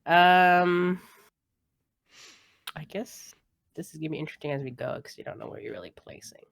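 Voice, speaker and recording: A woman's voice: low voice, normal speed, vocal fry, no room sound, studio quality. A woman playing a board game on a stream, asking questions and laughing easily. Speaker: co-host player. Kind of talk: casual board game chat.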